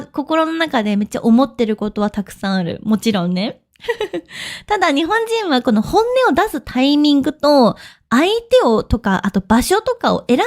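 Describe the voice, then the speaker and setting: Casting: friendly female language teacher, podcast lesson, lively up-and-down voice, a bit high. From Japan. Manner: chatty, friendly, laughs often, asks listeners questions. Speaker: online Japanese teacher.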